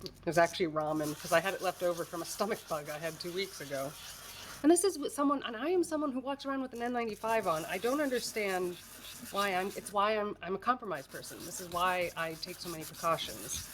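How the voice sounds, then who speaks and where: An American woman from the United States hosts a crafting livestream, chatting casually and poking fun at herself as she works. Her lowish voice is expressive, quick, and fairly bright in tone. She laughs often, sounds a little congested, and there is slight background noise.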